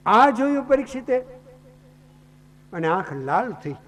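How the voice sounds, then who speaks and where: A man's voice: high voice, very animated, unhurried, a bit bright. A man from Gujarat narrating a devotional scripture story as a sermon, dramatic and full of rhetorical questions. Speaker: Bhagavata katha speaker.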